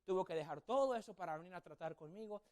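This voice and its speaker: A man's voice: high-pitched, animated, fast, darkish tone. A man preaching a sermon as a pastor, telling a story and acting out family members' voices. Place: church sanctuary.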